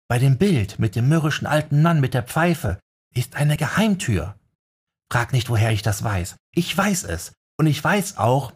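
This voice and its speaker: A man voicing a sharp-tongued young female necromancer who speaks in a hushed, conspiratorial way in an audiobook. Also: mid-range voice, slightly rough, pitched above the performer's own voice.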